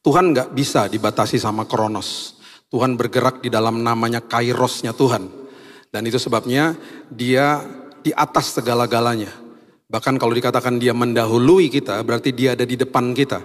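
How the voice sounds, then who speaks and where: A man pastor preaching a sermon with a hoarse voice, stressing key phrases slowly and emphatically. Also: medium pitch, fairly even intonation. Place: church hall. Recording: long hall reverb.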